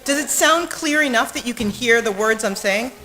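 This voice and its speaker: On a hissy live stream, a bema team member checks the podium microphones, occasionally moving off mic or away from it. She speaks at normal speed in a slightly high, animated voice that sounds pushed and bright.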